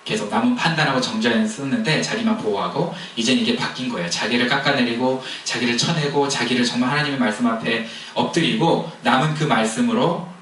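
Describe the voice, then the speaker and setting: A man's voice: medium pitch, quick pace, hardly any pauses, a bit bright, a little hiss or hum. A man preaching a sermon in a conversational, storytelling way, asking the congregation questions as he goes. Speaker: pastor. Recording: echoey hall heard from a distance.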